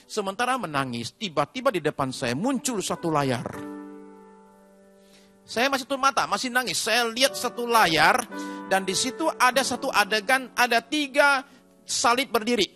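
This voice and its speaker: High, lively, bright-voiced male preacher. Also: moderate pace, faint music behind. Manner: dramatic swings between loud peaks and hushed low passages; emphatic, repeats words for effect. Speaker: preacher giving testimony. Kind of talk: sermon testimony. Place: church service before a congregation.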